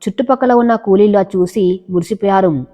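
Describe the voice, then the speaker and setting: A woman narrating a dramatic story in a steady storytelling manner, with long echoey reverb. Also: mid-range voice, a little fast.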